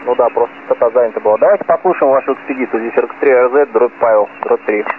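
Man, over a radio, fast brisk talk, matter-of-fact, narrow tinny sound. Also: mid-range voice. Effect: heard over a radio transceiver. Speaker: amateur radio operator. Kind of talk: radio exchange. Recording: tinny radio line with static.

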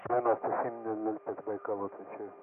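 A man's voice: on the low side, little pitch movement, fast talker. Man reading back over two-way radio. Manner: careful, reads messages back. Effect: two-way radio transmission. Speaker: radio operator. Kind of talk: clipped radio procedure. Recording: tinny band-limited radio with faint hiss.

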